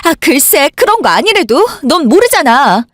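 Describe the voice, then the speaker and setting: A woman's voice: high voice, sing-song, moderate pace, a bit bright, dry recording, studio quality, pitched above the performer's own voice. A woman voicing a grieving elder sister in a radio drama, insistent and worked up as she keeps pushing to call the police. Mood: agitated. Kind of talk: Korean radio drama acting.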